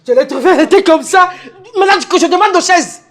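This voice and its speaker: A middle-aged woman with a Congolese French accent playing a grieving mother who calls on God and draws out her cries. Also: very high-pitched. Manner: drawn-out, wailing calls of a name.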